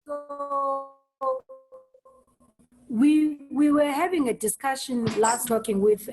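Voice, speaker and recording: A woman hosting an online meeting over a video call, speaking haltingly and restarting her words often. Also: mid-range voice, darkish tone, low-quality recording. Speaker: host.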